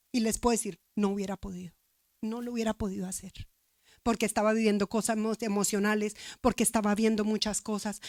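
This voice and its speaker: A woman's voice: a little high, dry recording, studio quality. A middle-aged woman pastor giving an emotional testimony in a sermon, repeating phrases for emphasis.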